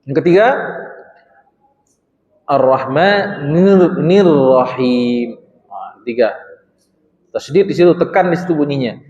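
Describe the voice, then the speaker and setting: A man's voice: on the high side, lively intonation, mellow. A man, a religious teacher, giving a study-circle lesson on Quran recitation, stretching out recited phrases and quizzing his listeners. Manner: slowly drawn-out recitation demonstrations, quizzes the congregation. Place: mosque hall. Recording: echoey mosque hall, dull sound.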